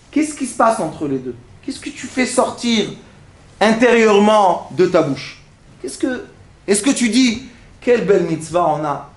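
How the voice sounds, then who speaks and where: A man teaching a religious lesson to an audience, acting out little everyday scenes with animated, laughing delivery. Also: extremely high pitch, reverberant. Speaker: rabbi teaching a class. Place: classroom.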